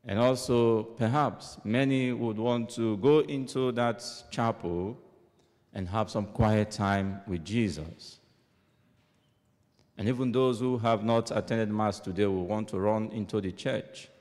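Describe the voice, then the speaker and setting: A man speaking as a priest, reading scripture and preaching in a solemn, measured manner in an echoing church. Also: lowish voice, darkish tone. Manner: deliberate, measured. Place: inside a large church. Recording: echoing church hall, long cathedral-like reverb.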